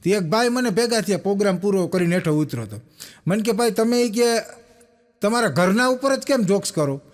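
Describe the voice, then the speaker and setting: A young man with a high voice speaks fairly quickly as he tells Gujarati folk jokes on a live stage before an audience. This stand-up comedian is an animated storyteller who acts out the characters he quotes.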